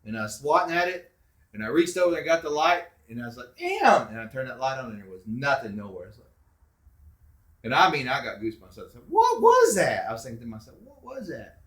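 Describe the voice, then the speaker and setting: A middle-aged man, a father telling family ghost stories in a casual, animated way, acting out quotes loudly. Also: medium pitch, quick pace, echoey room. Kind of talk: casual storytelling.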